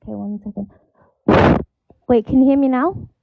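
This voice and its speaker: A woman's voice: sits high, unhurried, vocal fry. A woman talking bluntly and swearing in a casual group chat on a live stream, her voice muffled by a covered mic, as if heard through a wall. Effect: muffled, as if heard through a wall or underwater. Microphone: covered microphone. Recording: muffled phone-like sound.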